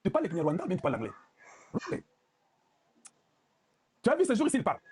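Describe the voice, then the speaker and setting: A man, commenting on news clips in a mocking, lively way and slipping into Lingala. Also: high-pitched, quick pace, a little hiss or hum. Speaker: political commentator.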